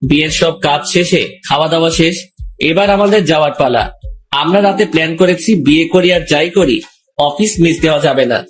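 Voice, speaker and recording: A young man calmly narrating a romantic story in the first person, also voicing the male lead. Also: fairly high pitch, moderate pace.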